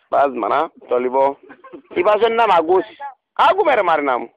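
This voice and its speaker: A man's voice: on the high side, wildly swooping pitch, creaky, crowd noise. A man with a Cypriot Greek accent making a radio prank phone call, pleading and rambling theatrically with cooing pet names. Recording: dull radio recording.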